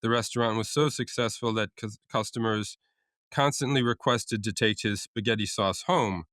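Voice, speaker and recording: A man's voice: on the low side, moderate pace, fairly bright tone, no echo, clean studio sound. A man co-hosting a casual podcast, reading out food trivia with frequent uhs and restarts. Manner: reads out facts with many uhs and restarts. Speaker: co-host.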